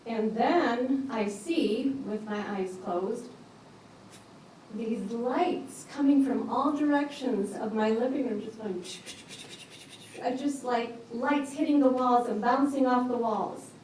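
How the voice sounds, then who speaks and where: A woman giving a personal storytelling talk at a retreat, animated and acting out what others said. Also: a little high, slow. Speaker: speaker at a yoga retreat. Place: large echoey retreat hall. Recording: echoey hall from far off, faint hiss.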